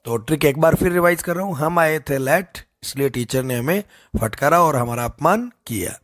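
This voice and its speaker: A man teaching English vocabulary in a folksy way, repeating key phrases and slowing down to stress words. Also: a little high, lively intonation, fairly bright tone. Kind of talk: explanatory lesson with memory tricks.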